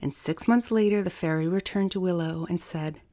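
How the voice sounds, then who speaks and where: A woman reading a children's story aloud in a calm, unhurried way. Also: fairly low pitch.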